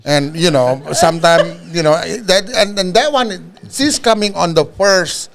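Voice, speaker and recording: A man from Indonesia with an Indonesian accent, a food truck owner and guest chatting casually in halting, often restarted English and laughing a lot. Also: high-pitched, creaky, fairly bright tone. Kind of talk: casual chat.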